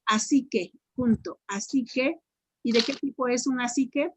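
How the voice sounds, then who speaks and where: A woman teacher with a Mexican accent tutoring grammar online, repeating answers and sounding words out slowly syllable by syllable. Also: high voice, background noise. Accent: Mexican Spanish.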